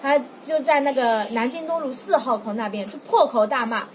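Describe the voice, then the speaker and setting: A woman preaching informally to a small group, telling a story in a chatty, animated way. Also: high voice, moderate pace. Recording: dull lo-fi with faint noise.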